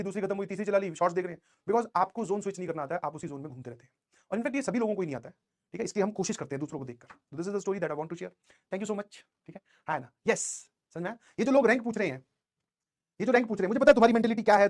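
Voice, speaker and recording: A young coaching teacher with a high voice tells his exam-prep class a motivational story. He's animated and mixes English phrases into his speech.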